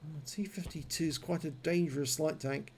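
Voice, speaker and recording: A man's voice: fairly high pitch, steady tone, moderate pace, background noise. A man commentating on a video game, his speech slurred and clumsy from a numb, frozen jaw. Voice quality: slurred, numb-jawed speech from dental infection.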